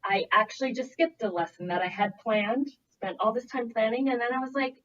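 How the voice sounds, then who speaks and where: A woman with a Minnesota accent talks casually as a guest about her teaching. She speaks a touch high and acts out her own thoughts in little quoted voices. The mic sits a bit far from her and sounds dull. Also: brisk, a bit bright. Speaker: guest math specialist. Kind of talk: casual interview chat.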